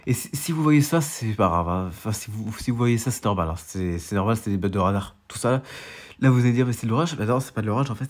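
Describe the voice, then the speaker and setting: Lowish and darkish, this young man's voice comes through a stuffy, cold-clogged nose as he casually walks viewers through a weather radar. The storm chaser and vlogger rambles, repeats himself, restarts often, and complains about being sick.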